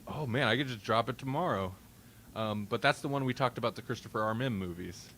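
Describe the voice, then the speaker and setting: A man with a medium-pitched, fairly bright voice hosts a casual podcast at a brisk clip. He rambles wryly and keeps interrupting himself during casual banter on a live-streamed show.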